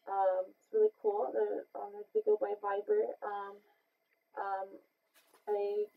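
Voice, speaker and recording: A young woman speaking through a face mask in a casual vlog update, hesitant, with lots of fillers and soft laughs. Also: medium pitch, monotone, slow pace, creaky. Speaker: content creator. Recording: tinny phone-like sound.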